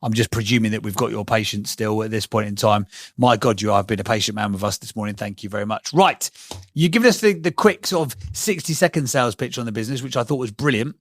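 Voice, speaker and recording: A man's voice: on the low side, fast, no echo, studio quality. A man co-hosting a podcast, playful and teasing as he chats and welcomes a guest. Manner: playful, teasing, bursts into silly singing. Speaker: podcast co-host. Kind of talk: casual chat, interviewing a guest.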